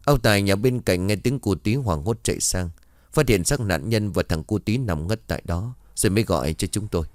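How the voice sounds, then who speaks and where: A grave, official village police officer, voiced by a male storyteller. The voice is low and close, with a formal, matter-of-fact delivery. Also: brisk, no room sound, lightly acted.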